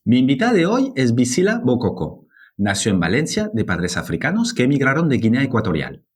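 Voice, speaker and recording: A man from France, a native French speaker, hosting an interview podcast in a lively, hesitant way with many fillers. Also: mid-range voice, a little fast, breathy edge, faint music behind. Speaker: podcast host.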